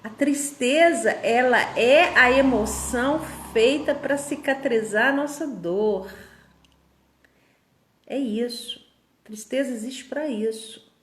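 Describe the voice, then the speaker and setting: A woman giving a motivational self-help talk, emphatic, urging listeners to take notes and drawing out key phrases slowly. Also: fairly high pitch. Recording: roomy echo.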